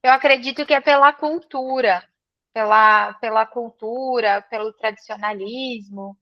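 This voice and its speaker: A woman from Serra Gaúcha in Rio Grande do Sul, Brazil, speaks with a gaúcho accent as an interview guest and business mentee, reflecting in conversation and repeating phrases for emphasis. Her voice is on the high side and unhurried, and the audio sounds dull.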